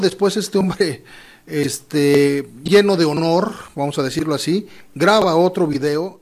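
Indignant news host. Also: male voice, a little high. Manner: indignant, editorializing, with fillers. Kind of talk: news commentary.

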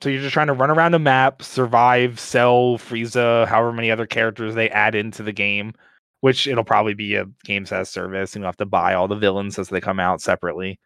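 A man's voice: fairly low pitch, level tone, brisk, a bit bright, clear, resonant tone, no room sound. A young man in casual group chat, talking in a slangy, sweary frat-bro way. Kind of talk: casual group chat about games and anime.

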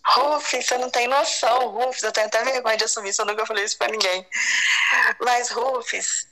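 Bright-voiced woman, emotional confession. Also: fairly high pitch, steady tone, quick pace, poor audio. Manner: repeats phrases, acts out quoted dialogue. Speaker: interview guest.

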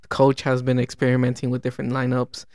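Chill guy talking about his young team, pretty flat delivery, dry sound. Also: medium pitch, quick pace, no room sound. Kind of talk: casual sports chat.

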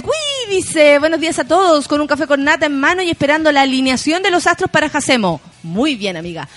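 Chilean lady radio host, high voice, chatty, reading out messages, faint music under. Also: fairly bright tone. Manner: chatty, laughing, reads messages aloud. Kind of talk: casual radio chat reading listener messages.

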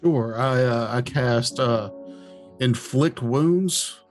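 A man among the players, hesitating over his words and delivering dry jokes in a medium-pitched voice. Faint music plays in the background. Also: extremely slow. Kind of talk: casual tabletop game chat.

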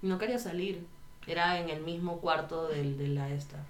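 A woman from Ecuador, a podcast guest, chatting casually and telling a lively story while acting out the voices she quotes. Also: low-pitched, normal speed. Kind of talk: casual chat. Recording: roomy echo.

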